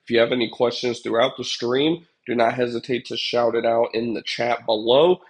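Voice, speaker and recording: Addressing his chat viewers directly, a young livestream host who runs a pest control business talks in a congested, stuffy voice. The delivery is flat at medium pitch and moderate pace, and he rambles, leaning heavily on fillers.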